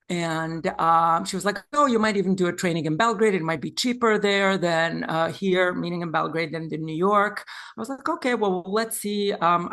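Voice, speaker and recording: A man from Serbia in his forties, giving thoughtful, measured interview answers as a Reiki practitioner. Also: sits high, vocal fry, sharp tone.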